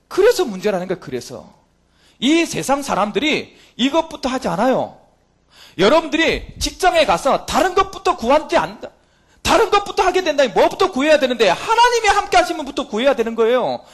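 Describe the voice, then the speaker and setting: A man preaches a youth service sermon in a church. His voice sits unusually high and swings widely in pitch. He keeps firing rhetorical questions and slips into God's voice in quoted lines. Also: a bit bright. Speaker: pastor. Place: church sanctuary.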